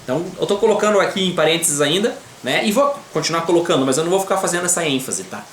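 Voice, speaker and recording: Give me a Brazilian man giving a beginner English lesson in an echoey room with faint background ambience, slowing down to model words. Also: a little high, lively intonation, a little hiss or hum. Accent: Brazilian Portuguese. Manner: checks in often with quick tag questions; slows down to model English pronunciation. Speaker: English teacher. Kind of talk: explaining English grammar to beginners.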